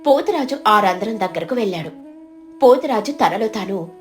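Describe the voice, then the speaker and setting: Woman narrating an animated moral story. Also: medium pitch, normal speed. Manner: steady storytelling.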